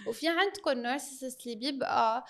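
A woman's voice: high-pitched, animated, fast talker, fairly bright tone. A woman with a Lebanese Arabic accent hosting a casual discussion, mixing English words into her speech. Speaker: talk host asking questions and commenting.

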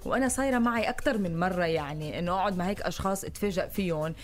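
A woman's voice: on the low side, rapid-fire, soft background music. A woman with a Lebanese Arabic accent co-hosting a radio show in casual banter, explaining herself emphatically.

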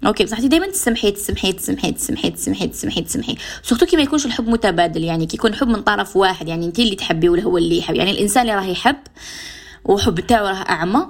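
Fast-talking Algerian woman radio host. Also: medium pitch, lively intonation. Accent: Algerian Arabic. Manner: mixes French and English words into dialect; addresses listeners directly, giving examples. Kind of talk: advice talk to listeners.

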